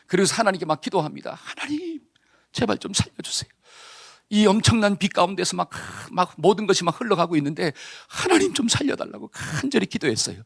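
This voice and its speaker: Brief: male preacher in a church, animated and fairly high-pitched, rhetorical questions, call-and-response. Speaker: pastor. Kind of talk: sermon.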